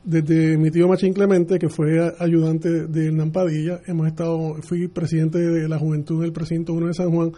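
A man's voice: on the high side, level tone, warm tone. A middle-aged man with a Puerto Rican accent, a candidate answering questions in a radio interview with many restarts. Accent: Puerto Rican Spanish. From Puerto Rico. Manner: earnest, halting with many restarts. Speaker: mayoral candidate guest.

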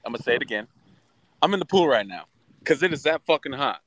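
A man's voice: mid-range voice, very animated, fast talker, a bit bright, no echo. A man co-hosting a podcast in casual, conversational style, talking informally with slangy asides. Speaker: podcast co-host.

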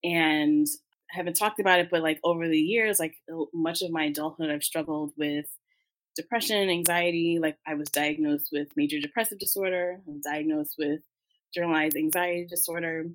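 Woman, low voice, tearful, choked up, halting speech, lots of fillers, interview guest. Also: fairly even intonation, rough recording. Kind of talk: personal interview storytelling.

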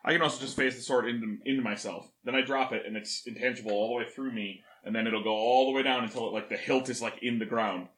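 A man's voice: mid-range voice, steady tone, quick pace, few pauses, a bit bright. Eager young man arguing game rules. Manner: eager, argues rules, stumbles over restarts. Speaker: player. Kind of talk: tabletop game play.

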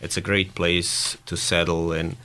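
A man in his thirties from Bosnia and Herzegovina, a guest answering interview questions in a relaxed way with loose, non-native phrasing. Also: sits low, unhurried. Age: 30s. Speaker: director of operations, guest.

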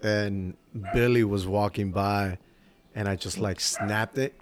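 A man with a lowish voice hosts a casual podcast chat. He is a barber who tells shop stories, swears freely and acts out the quotes with lively energy. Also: slow pace, a little hiss or hum. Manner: swears freely, animated storytelling with acted quotes. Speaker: podcast host.

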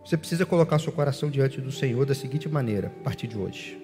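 A pastor preaching a sermon and leading the congregation in prayer, voicing the prayers aloud himself. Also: male voice, mid-range voice, expressive, fast talker, dark tone, long reverb tail, soft background music.

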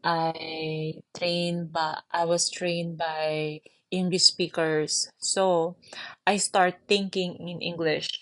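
Speaking from her bedroom while seated on the bed, this Filipino podcast host, a native Tagalog speaker, talks slowly and softly in a fairly low voice. Her soothing tone is dotted with little laughs as she moves between a gentle guided reflection and relaxed conversation.

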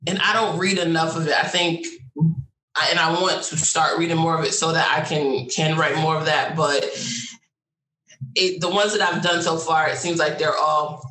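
A woman's voice: deep voice, steady tone, moderate pace, pushed and bright. A woman guest author giving casual, informal, easygoing answers in an interview over a video call. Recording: roomy, distant video-call audio, faint noise.

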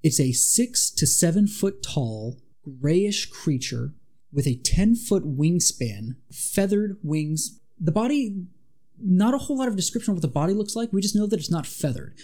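Mellow-voiced man telling a spooky tale. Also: high-pitched, moderate pace. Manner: animated, dramatic retelling with asides. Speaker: podcast co-host. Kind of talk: casual storytelling chat.

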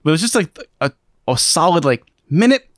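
A man's voice: a little high, sing-song, fairly quick, fairly bright tone, no echo, clean studio sound. Rambling casual man on a stream. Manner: rambling, filler-heavy, joking rants. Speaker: stream co-host. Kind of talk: casual chat.

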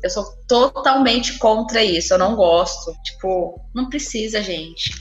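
A woman's voice: medium pitch, animated, a little slow, dull audio, faint music behind. Chatty woman podcaster, echoey room. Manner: chatty, exasperated, laughing often. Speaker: podcast co-host. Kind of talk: casual podcast chat.

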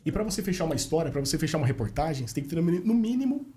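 A man tells stories in a relaxed podcast chat, voicing the people he quotes. His voice sits a little high for a man. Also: very fast. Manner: animated storyteller, acts out quoted dialogue. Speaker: journalist and radio host, podcast guest.

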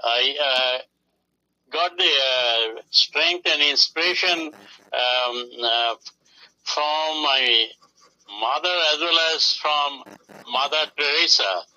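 A man speaks slowly and haltingly, filling his pauses with many ums and uhs. His voice is very bright and sharp. He sounds like a guest in a casual interview. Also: mid-range voice, highs cut off.

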